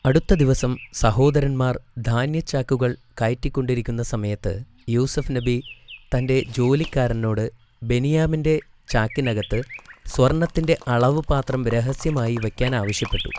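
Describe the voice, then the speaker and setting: A man calmly narrating a scripted storybook for children. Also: medium pitch, a little hiss or hum. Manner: calm, measured reading.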